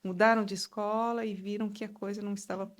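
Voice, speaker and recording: A woman's voice: mid-range voice, flat delivery, quick pace. A woman neurologist, a guest in a podcast interview, who talks in a direct, emphatic way.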